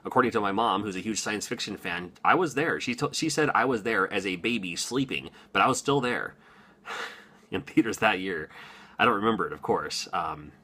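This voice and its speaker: A gaming YouTuber from Washington, USA, a man in his forties, rambles casually to his viewers in an unscripted monologue to camera, chatty and full of ums and little chuckles. His fairly low voice is expressive, bright and forceful with a breathy edge, moving at a normal speed.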